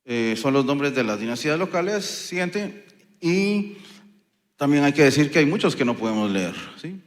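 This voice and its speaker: A man's voice: on the high side, sing-song, moderate pace. A man with a Guatemalan Spanish accent giving a university lecture, explaining patiently and checking in with his listeners. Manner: explanatory, frequent checking "¿sí?" and "eh" fillers. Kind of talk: university lecture on Maya epigraphy. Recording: long hall reverb.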